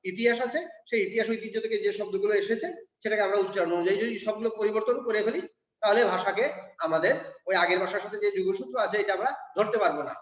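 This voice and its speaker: A man teaching a pronunciation lesson, explaining step by step and checking in with his listeners. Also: sits high. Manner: explains step by step, checks in with "কেমন?" and "ঠিক আছে?". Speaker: Bengali language teacher. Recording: echoey hall, dull lo-fi sound.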